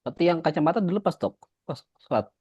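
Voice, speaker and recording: A man's voice: a little high, lively intonation, fast talker, darkish tone, slightly rough, no room sound, lo-fi sound. A man co-hosting an online talk, asking brief questions.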